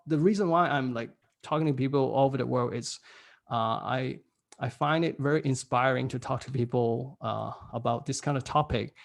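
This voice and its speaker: A Hong Kong man in his thirties gives a casual online workshop talk from a room at home, often laughing at his own jokes. His voice is medium-pitched with some vocal fry.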